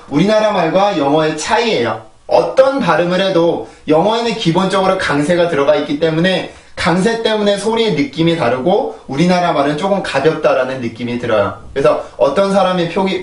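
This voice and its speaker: A man teaching English pronunciation in a lecture, explaining sounds and repeating them in drills, often checking in with his listeners. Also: on the high side. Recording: echoey room, voice a bit distant from mic.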